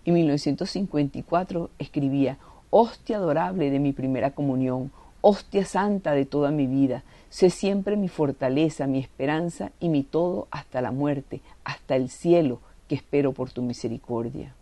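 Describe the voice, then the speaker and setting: A woman's voice: low-pitched, moderate pace, dark tone, no room sound. A woman giving a devotional reading and reflection, fervent and reverent, leaning on prayerful words.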